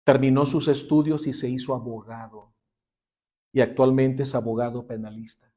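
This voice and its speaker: A man's voice: mid-range voice, steady tone, normal speed. Man telling a story in a Bible class. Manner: dramatic retelling, dropping to a hushed voice for emotional lines.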